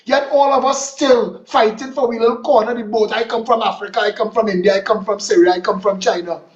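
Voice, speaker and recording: A man's voice: sits high, fairly even intonation, fast. A man from Trinidad and Tobago with a Trinidadian accent, hosting an online political talk show and closing with a fervent, preacherly appeal. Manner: impassioned, preacherly sign-off. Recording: dull, roomy lo-fi stream audio.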